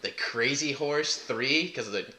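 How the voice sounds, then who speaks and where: A man co-hosting a podcast, telling stories in a casual, laughing, animated way. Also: mid-range voice, takes it slowly, echoey room, a loud crowd. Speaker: podcast co-host. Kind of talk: casual storytelling chat.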